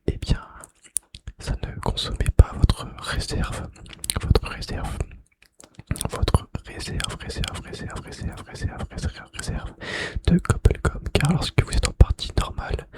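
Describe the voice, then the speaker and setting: An ASMR video creator, a man, whispers gaming trivia in a breathy, unvoiced whisper close to the microphone. He keeps his voice hushed and repeats key phrases slowly and softly.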